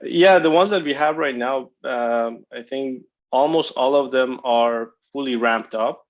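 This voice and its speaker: A man's voice: medium pitch, a little slow. A man, a company executive, answering analysts' questions on a conference call, speaking hesitantly with many fillers and restarts. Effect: conference call phone line. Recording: dull lo-fi conference line.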